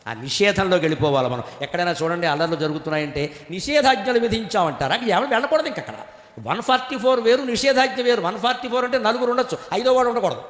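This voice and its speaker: A man's voice: sits high, a bit bright. An older man giving a spiritual discourse, joking, mimicking everyday people and chanting Sanskrit verses. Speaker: spiritual speaker. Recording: echoey hall with long reverb.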